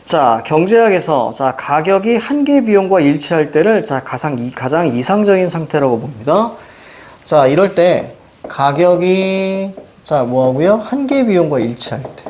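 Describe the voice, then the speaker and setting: A middle-aged man teaching a reading lesson, quizzing students with quick questions and a repeated "now". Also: fairly high pitch, big pitch swings, a little mellow. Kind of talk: recorded lecture explaining a reading passage.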